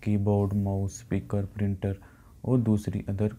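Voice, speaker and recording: Deep-voiced man teaching slowly from slides. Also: monotone, warm tone. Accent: Pakistani Urdu. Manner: explains in plain speech, reads English definitions slowly. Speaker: computer science teacher. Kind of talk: recorded lecture over slides.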